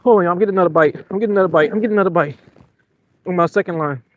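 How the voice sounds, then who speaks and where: A man's voice: high voice, rapid-fire, lo-fi sound. A man hosting a fishing live stream, chatting casually, joking with his chat and laughing often. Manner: excitable, laughs a lot, jokes with chat. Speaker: fishing livestream host. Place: outdoors on a boat at sea.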